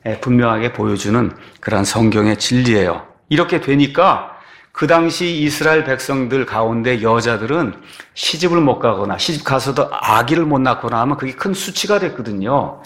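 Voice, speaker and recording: A man preaching a sermon, posing rhetorical questions, punctuating with short affirmations, and reading scripture passages aloud. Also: medium pitch. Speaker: pastor.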